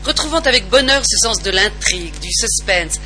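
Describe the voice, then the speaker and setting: Expressive woman reading aloud over music. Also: mid-range voice, moderate pace, rough recording. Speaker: reader of listener messages. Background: music underneath.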